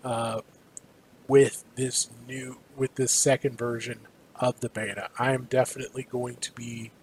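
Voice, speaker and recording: A man's voice: mid-range voice, level tone, a little slow, a little hiss or hum, rough recording. A man co-hosting a casual gaming news show, running through a schedule playfully with a few fillers. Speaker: co-host. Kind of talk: casual esports news chat.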